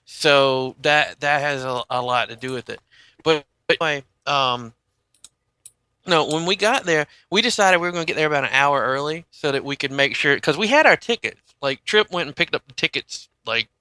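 A man's voice: fairly high pitch, expressive, normal speed, pushed and bright, clean tone, no room sound, studio quality. A man telling a casual story as a podcast guest, rambling through many asides.

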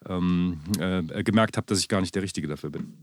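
A man chatting casually as a podcast co-host, rambling and halting with many restarts and fillers. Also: sits low, no room sound. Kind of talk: casual chat. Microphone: studio microphone.

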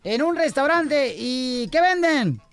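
Morning radio host, man, lively teasing voice, faint music bed. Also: extremely high pitch, slow, no echo. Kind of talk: joking radio banter.

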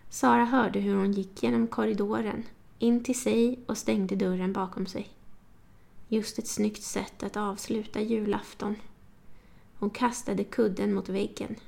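A woman narrating an audiobook in a calm, even storytelling manner. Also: medium pitch, creaky. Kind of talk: scripted narration.

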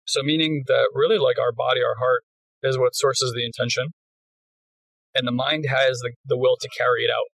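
A man's voice: medium pitch, fairly even intonation, moderate pace, gravelly, a bit bright, breathy edge, no echo. A man co-hosting a casual podcast over a remote call, talking loosely with lots of fillers while his connection breaks up and cuts out. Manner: loose, filler-heavy talk, reads a quote aloud. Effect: call audio breaking up and cutting out. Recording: distant, dry, breaking-up call audio.

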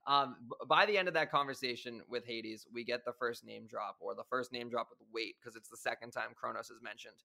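A man's voice: medium pitch, brisk, vocal fry, hardly any pauses, pushed and bright. A man hosting a podcast, talking through details in an enthusiastic, analytical way in casual chat. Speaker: podcast host.

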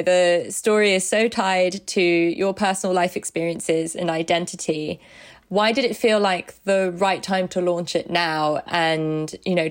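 A woman interviewer who reflects conversationally and asks follow-up questions. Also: lowish voice.

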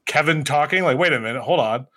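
A man in his thirties chats loosely as a podcast host, laughing often and restarting his sentences. His voice is bright and swings widely in pitch, sitting a little higher than most men's. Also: expressive, fast talker. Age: 30s. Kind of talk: casual podcast chat.

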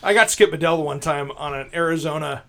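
A man's voice: a little high, a little fast, gravelly. A man hosting a podcast in casual chat, a jokey storyteller who laughs often. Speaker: podcast host.

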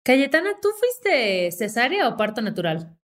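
A woman's voice: on the high side, very animated, moderate pace, a bit bright, slight background noise. A woman from Yucatán with a Yucatecan Mexican accent, co-hosting a podcast in a playful, slangy chat full of laughter. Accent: Yucatecan Mexican Spanish. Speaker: podcast co-host. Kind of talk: casual chat.

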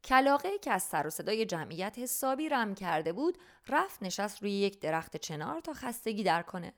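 Gravelly playful woman storyteller. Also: medium pitch, very animated. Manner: playful, humorous. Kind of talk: storybook narration for teens.

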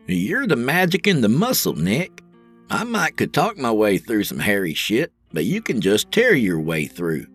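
A man narrates an audio drama in a wry, colloquial way. His pitch moves in lively swings, and his voice has a slightly husky grain. Faint music runs beneath him.

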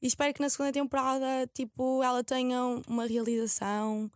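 A woman's voice: high voice, little pitch movement, fairly quick, no room sound, studio quality. A young woman with a European Portuguese accent chatting casually as an interview guest, slangy and mixing in English words. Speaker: guest, actress. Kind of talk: casual chat.

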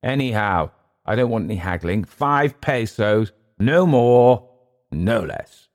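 A male audiobook reader voices a bitter Englishman gone to seed, raising his pitch well above his low narrating register. The character sounds volatile and mocking, delivered slowly and expressively.

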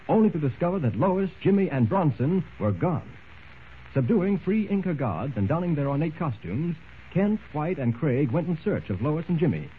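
A man narrating a story in a dramatic, measured way, heard as an old radio show broadcast. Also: fairly high pitch. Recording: tinny old radio recording with faint hiss.

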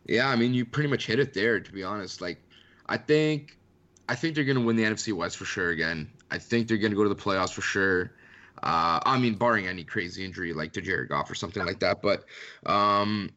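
Canadian young guy rambling on a podcast, lots of "like", kinda low and bright. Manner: loose, rambling, heavy use of "like". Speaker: guest. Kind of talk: casual podcast chat.

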